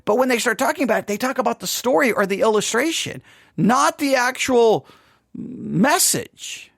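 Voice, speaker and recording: A man's voice: very high voice, very animated, normal speed, creaky, fairly bright tone, no echo, clean studio sound. A middle-aged man, a pastor with a West Texas twang, giving a seated teaching talk with emphatic repetition and rhetorical questions. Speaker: pastor speaking at a conference.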